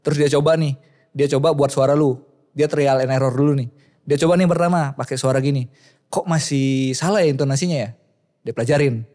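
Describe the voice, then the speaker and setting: Young content creator guy, explains stuff step by step, warm darkish voice. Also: mid-range voice, a little fast. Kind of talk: casual explaining.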